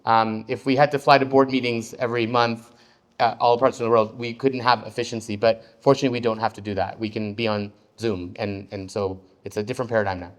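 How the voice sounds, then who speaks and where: A man from Canada, a venture investor answering on a panel discussion with a relaxed manner and frequent ums. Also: on the low side, fast talker.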